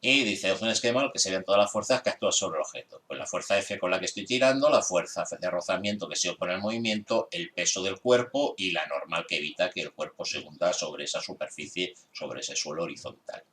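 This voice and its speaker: A man's voice: deep voice, fairly quick, hardly any pauses, a bit bright. A man who is a physics teacher, methodically working through an exam solution step by step for his students. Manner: exasperated with students' grades.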